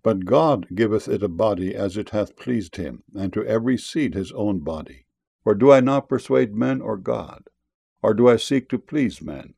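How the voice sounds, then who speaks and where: Gravelly-voiced man reading scripture. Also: on the low side, expressive, moderate pace, a little mellow. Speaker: scripture reader. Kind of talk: solemn King James scripture reading.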